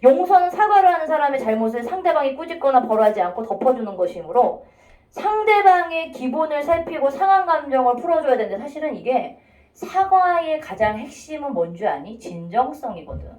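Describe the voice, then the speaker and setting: Female teacher, chatty and animated, fairly high voice, recorded from afar in a roomy classroom. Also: a little fast. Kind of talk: classroom lecture. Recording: echoey classroom from a distance.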